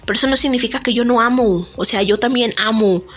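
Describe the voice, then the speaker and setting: A woman's voice: fairly high pitch, quick pace, fairly bright tone. A woman, host of a casual talk podcast, chatting to listeners in a joking, self-deprecating way while a bit sick. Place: temporary recording spot.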